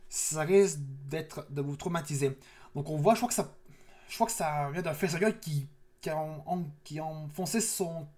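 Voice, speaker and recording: A man's voice: a little high, darkish tone. A man hosting a casual trailer reaction video, talking eagerly with frequent restarts. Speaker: YouTube reaction host.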